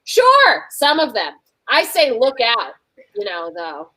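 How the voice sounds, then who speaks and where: A woman's voice: a little high, big pitch swings, unhurried, a bit bright, dry recording, low-quality recording. A woman judging a comedy game over a video call, laid-back and giggly. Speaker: game show judge. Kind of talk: casual comedy banter.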